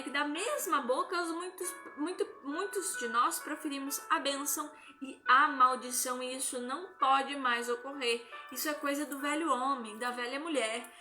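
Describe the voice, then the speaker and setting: Woman, high voice, chatty faith talk from home on a phone livestream, music going behind her. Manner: conversational, tags nearly every phrase with a questioning "né?". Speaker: lay religious speaker. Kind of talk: informal devotional talk on a live stream. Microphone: phone or webcam on a live stream.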